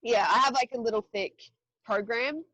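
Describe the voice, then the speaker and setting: A woman's voice: a little high, moderate pace, sharp tone, dry recording, rough recording. A woman in her thirties from Australia, a podcast guest chatting candidly and loosely, with swearing and laughing asides. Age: 30s. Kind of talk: casual interview chat.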